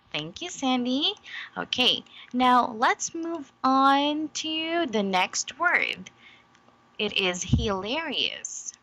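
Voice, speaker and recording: A woman's voice: fairly high pitch, pushed and bright, low-quality recording. A woman giving an online English demo lesson, patient and encouraging, checking understanding with frequent "okay?".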